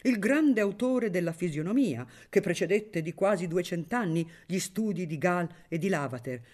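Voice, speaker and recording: A reader voicing a pompous, lecturing older gentleman in an audiobook reading of a novel. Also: medium pitch, animated, moderate pace, close to an everyday voice.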